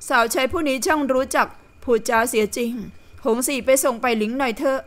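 A woman's voice: high-pitched, fairly quick, a bit bright. A woman voicing a proud elderly grand dowager in an audio novel, curt and grumbling. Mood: gruff.

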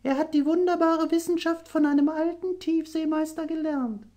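A man voicing a tearful, gentle young mermaid princess in an audiobook, speaking softly and slowly. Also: fairly even intonation. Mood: sorrowful. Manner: soft, high storytelling voice with slow, drawn-out phrases. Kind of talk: audiobook character voice.

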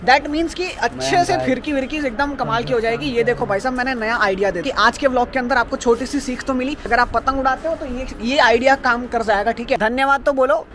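A man vlogging outdoors at a kite festival, giving animated, excited commentary and repeating his exclamations. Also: extremely high pitch, a little fast, hardly any pauses, slight background noise. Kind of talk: excited casual vlog commentary.

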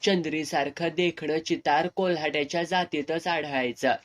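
A man reading aloud, voicing a brash drunken young village man who jeers in rough rural dialect. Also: fairly high pitch, steady tone, moderate pace, lightly acted. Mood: accusing.

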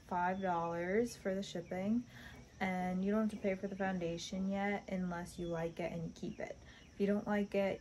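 A woman's voice: mid-range voice, a little mellow, a little hiss or hum. Chatty young woman reviewing makeup. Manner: chatty, upbeat, lots of fillers. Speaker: beauty vlogger. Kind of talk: casual product review vlog.

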